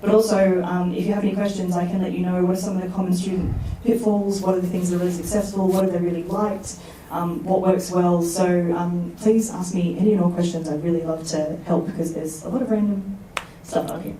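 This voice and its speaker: A woman speaking at a workshop, quickly inviting the students to ask her questions. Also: lowish voice, level tone, warm tone, slight background noise. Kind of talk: casual presentation. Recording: echoey room from far off.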